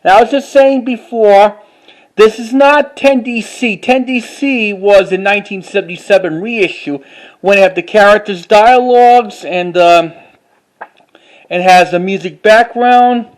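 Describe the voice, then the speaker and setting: A collector with a distinctly high-pitched voice shows items to the camera in a casual vlog. His delivery is informal and halting, and he often repeats phrases during his show-and-tell. The audio is poor.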